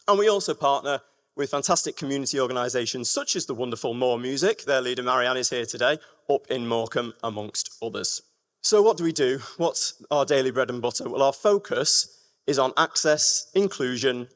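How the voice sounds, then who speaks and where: In a conference room, a man from England with a Lancashire accent gives an upbeat, enthusiastic public talk. His voice is mid-range with a fairly bright tone, and the hall's reverberation is audible.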